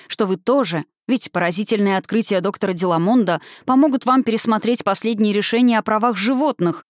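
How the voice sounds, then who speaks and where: A woman's voice: mid-range voice, no echo, studio quality, lightly acted. A woman narrator voicing a stubborn, earnest young female student in an audiobook, speaking firmly. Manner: firm, defiant, earnest.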